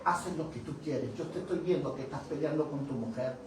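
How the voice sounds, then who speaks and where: A pastor, his fairly high voice telling a testimony as a dramatic story and acting out each line of dialogue. He sounds far from the mic, in a church room with heavy echo and steady background noise. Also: brisk. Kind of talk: testimony sermon. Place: church hall. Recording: very echoey, distant, noisy church room.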